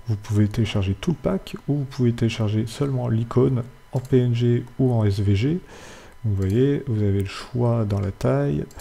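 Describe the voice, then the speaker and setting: A young man hosting a casual screen-recorded software tutorial, hesitating often as he explains each step. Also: medium pitch, creaky, a little hiss or hum. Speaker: tutorial host.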